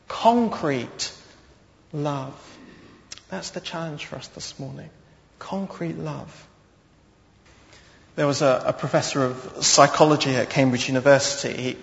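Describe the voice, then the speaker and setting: A man preaching a sermon to his congregation in a church hall, speaking in a slow, measured way with pauses. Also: a little high. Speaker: pastor. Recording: dull audio with long hall reverb.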